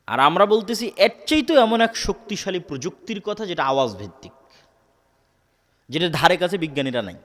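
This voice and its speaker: A man's voice: high-pitched, big pitch swings, a little fast, a bit bright, in a large hall. A man preaching an Islamic sermon to a live gathering, repeating key words and posing questions for the crowd to answer.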